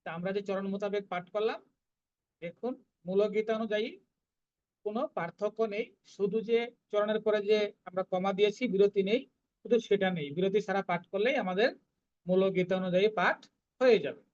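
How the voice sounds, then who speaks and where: A recitation teacher, explaining pronunciation syllable by syllable and chanting the verses in slow, drawn-out tones. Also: medium pitch, a little mellow, dull audio. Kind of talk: online class teaching Sanskrit verse pronunciation.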